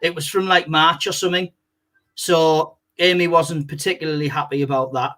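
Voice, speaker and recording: A young man with a high, bright voice, chatting casually as co-host. He tells sweary stories with lots of energy and laughs at himself. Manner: animated storyteller, quick to laugh at himself. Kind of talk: casual banter, swearing anecdotes.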